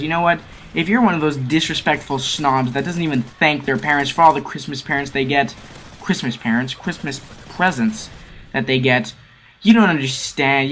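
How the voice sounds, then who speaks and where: A man's voice: mid-range voice, a bit bright, a little hiss or hum. A teenage boy in a gaming video, lecturing viewers in a rambling, preachy way, often stumbling and correcting himself. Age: teens. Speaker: gaming commentary video maker. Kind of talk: ranting commentary over gameplay.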